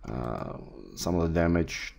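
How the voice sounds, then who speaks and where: Male tutor, very deep voice, relaxed screen-capture walkthrough with frequent fillers. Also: measured pace, vocal fry. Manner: relaxed, with many fillers and restarts. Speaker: 3D art tutor. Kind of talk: screen-recorded software tutorial.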